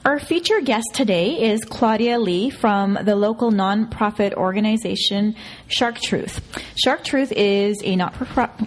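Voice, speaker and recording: A woman hosting a community radio show, reading a scripted introduction and then asking friendly questions. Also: medium pitch.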